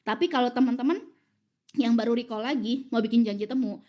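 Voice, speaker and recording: Bright-voiced woman giving a sales training talk. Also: a little high, a little fast. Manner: animated, acts out phone scripts in a bright sales voice.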